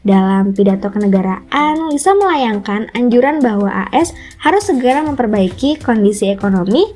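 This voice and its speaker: Over background music, a female video-channel narrator reads a scripted explainer. Her voice is animated and on the high side yet darkish in tone, at normal speed.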